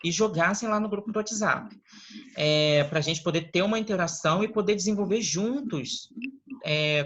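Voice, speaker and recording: A man, an English teacher giving a recorded class, who explains patiently step by step and keeps checking in with quick question tags. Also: sits high, a bit bright. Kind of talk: recorded online class lesson. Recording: slightly dull lo-fi recording.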